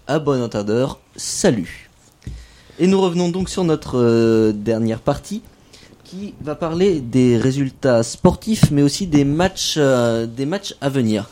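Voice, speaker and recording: A man hosting a casual local radio show, playful and self-mocking, gently drawing out the young guests. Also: mid-range voice, lively intonation, measured pace. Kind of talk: casual radio chat with children.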